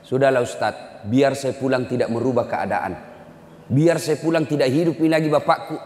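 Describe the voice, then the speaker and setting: A man's voice: mid-range voice, fairly even intonation, moderate pace, darkish tone, close to an everyday voice. A man voicing a busy, wealthy son who brushes off his father's funeral. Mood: dismissive. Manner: offhand, dismissive. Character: cold, busy rich businessman son. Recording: echoey hall with long reverb.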